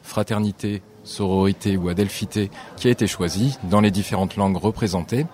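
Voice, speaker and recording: A man, a guest on a radio show, explaining an event in a measured, informative way. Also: fairly low pitch, a little mellow. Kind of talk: radio interview.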